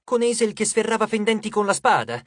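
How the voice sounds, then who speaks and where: An audiobook narrator giving a lively, dramatic scripted reading on a close studio mic. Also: medium pitch, a little fast, no echo.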